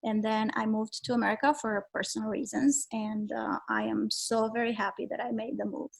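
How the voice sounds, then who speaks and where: A woman in her forties with a fairly high voice tells her story as a podcast guest. She talks in a measured, reflective way, pausing often on ums as she thinks. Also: steady tone, creaky, breathy edge. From Romania. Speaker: guest, travel photographer. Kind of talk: casual interview.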